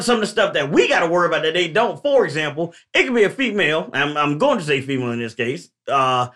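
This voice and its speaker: A man's voice: sits high, fairly bright tone. A man in a casual group chat, arguing his points emphatically and cutting in. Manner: emphatic, interrupts to argue points.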